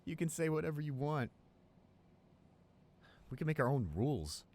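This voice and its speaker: In an improvised ASMR roleplay, a man plays an excited young college boyfriend, his slightly high voice gushing and halting as he repeats himself in sentimental amazement. The mood is carefree and excited.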